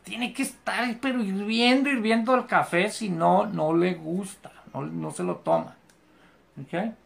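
An English teacher, giving a live online class from a home bedroom and patiently repeating English examples slowly and carefully. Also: mid-range voice, gravelly.

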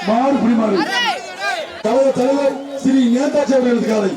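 A man announcing live at an outdoor bull-taming event through a loudspeaker, excitedly calling out bull names and shouting warnings to the tamers. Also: extremely high pitch, unhurried. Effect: through a loudspeaker system. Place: outdoor festival arena. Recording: echoey loudspeaker from far off, loud crowd. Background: loud cheering crowd and noise.

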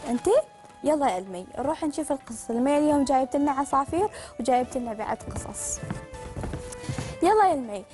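A woman's voice: sits high, darkish tone. A woman hosting a children's studio show, coaxing children with upbeat questions.

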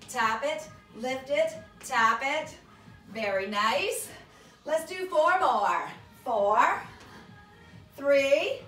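A woman's voice: sits high, sharp tone. A middle-aged woman working as a fitness instructor, giving encouraging, short clipped cues and counts as she leads a workout. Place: small carpeted home exercise room, indoors. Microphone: camera across the room. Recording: echoey room, distant mic, background music.

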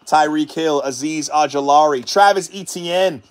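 A man hosting a card-break stream, calmly calling out cards and then shouting in hyped excitement at the big hits. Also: fairly high pitch, a little slow. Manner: hyped, shouting exclamations between calm card callouts.

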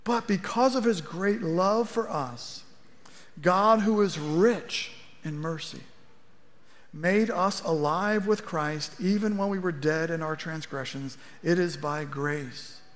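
A middle-aged male pastor, his voice a touch higher than most men's, delivers a sermon slowly and conversationally, with wry asides as he gestures at a lectern. He speaks into a headset mic on a large church auditorium stage, a long reverb trailing his words.

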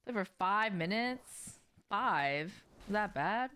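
Slow but animated, a young adult woman speaks in a medium-pitched voice with a sharp, smooth tone. She's a game streamer chatting casually with her viewers as she plays, informal and slangy with plenty of swearing, indoors in a small home room with shelves.

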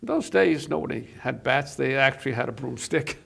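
A medium-pitched, husky, creaky voice, a bit bright and expressive, comes a little fast from an older Polish man whose mother tongue is Yiddish. Wearing a lapel mic on a TV studio set, he reminisces as an interview guest, hesitant and prone to fillers and restarts.

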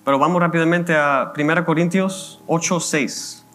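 A man with a Cuban Spanish accent giving a conversational sermon as a minister, slowing down to read scripture aloud. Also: on the high side, steady tone, a bit bright, a little hiss or hum. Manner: conversational preaching, slows down reading scripture. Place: church.

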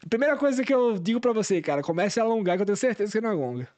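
A man's voice: high voice, animated, rapid-fire, darkish tone. A man, a guest on a podcast, explaining physiotherapy in technical, step-by-step talk.

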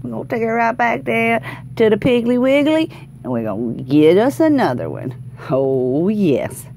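Animated Southern woman, very swoopy pitch. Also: moderate pace, creaky, a little hiss or hum. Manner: exuberant, folksy, repeats phrases for emphasis. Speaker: lottery scratch-off video host. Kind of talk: casual excited vlog chat. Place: indoors at a tabletop, hands-only shot.

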